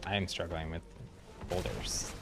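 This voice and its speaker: A man's voice: fairly low pitch, vocal fry, a little hiss or hum. A man streaming a game, chatting casually and laughing at his own mistakes. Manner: laid-back, laughs often, self-deprecating. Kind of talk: casual gameplay commentary. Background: game music.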